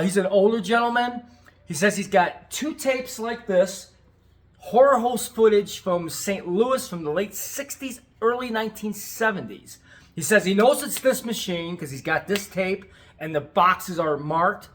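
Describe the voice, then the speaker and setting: A man's voice: high voice, fairly bright tone, slight background noise. A middle-aged American man giving a casual, rambling vlog update as a restorer, enthusiastic and often repeating himself. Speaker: video tape restorer and channel host.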